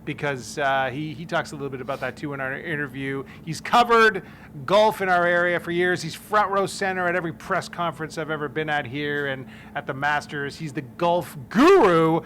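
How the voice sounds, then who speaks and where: A man's voice: fairly high pitch, fairly even intonation, fairly quick, sharp tone, slight background noise. A man hosting a casual golf podcast, chatty and full of restarts, recorded outdoors at a tournament. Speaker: podcast host. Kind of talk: casual chat.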